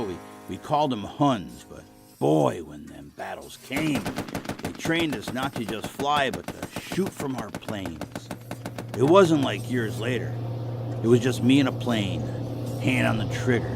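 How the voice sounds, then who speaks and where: A male actor with a mid-range voice performs an audio drama monologue as an elderly American war veteran, weary and wistful. He reminisces in a halting, folksy, rambling manner, sounding reflective and sombre.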